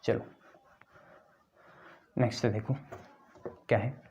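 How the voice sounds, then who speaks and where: A man's voice: fairly low pitch, fairly even intonation, slow pace, vocal fry, warm tone. A man teaching a chemistry lesson, quizzing his students and repeating the key terms. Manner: quizzes students, answers his own questions.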